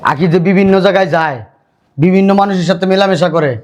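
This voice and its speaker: An actor playing an earnest young stepson and protective elder brother who argues insistently. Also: male voice, high voice, fast, natural voice. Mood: pleading. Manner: insistent, pleading.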